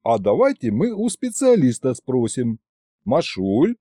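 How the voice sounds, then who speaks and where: A man voicing an eager, excitable young man who speaks in a raised, lively voice. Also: medium pitch, a little slow, no room sound, studio quality. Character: eager young man, tsar's adopted son and clerk.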